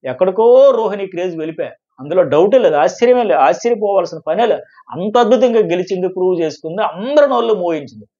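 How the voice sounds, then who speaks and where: A man giving fast live commentary on a reality show, emphatic and excitable. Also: high voice, muffled recording. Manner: excited, emphatic, quotes contestants in quick bursts.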